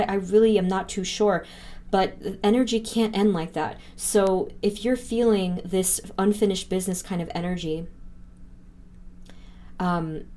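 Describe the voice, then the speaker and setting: A woman reading tarot cards for her viewers in an earnest, heartfelt way. She talks at an average pitch, breaks into exclamations of wonder, and fills her talk with soft fillers as she interprets each card. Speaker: tarot reader.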